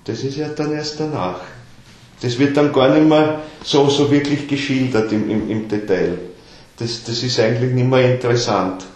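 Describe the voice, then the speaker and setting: A man giving an explanatory lecture to a small group, often halting and repeating words as he explains. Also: mid-range voice, steady tone, darkish tone. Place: lecture room with listeners. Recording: very echoey room.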